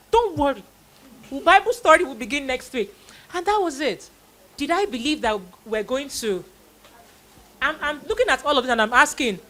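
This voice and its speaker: A Nigerian-accented woman hosts a live event for children, telling Bible stories in a high, bright voice with a forceful edge. Her storytelling is exclamatory and packed with quoted dialogue.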